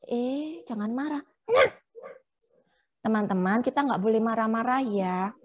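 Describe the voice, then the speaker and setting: A woman's voice: fairly high pitch, measured pace. A young woman teacher, playfully quizzing a puppet and the children in a lesson. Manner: playful, coaxing, asks children questions.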